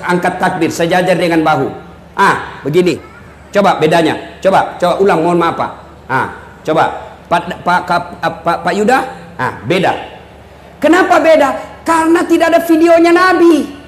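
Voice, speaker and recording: A man preacher giving a lively, teasing sermon to a live audience, speaking to them directly. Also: high voice. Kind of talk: humorous sermon. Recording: echoey hall with faint room noise.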